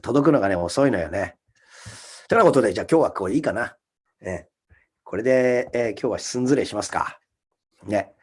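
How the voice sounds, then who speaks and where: Husky, fast-ranting Japanese man. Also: on the low side, expressive, a little mellow. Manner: rants animatedly with rough, scolding asides. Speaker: comedian hosting a solo livestream. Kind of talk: casual livestream monologue reading viewer comments.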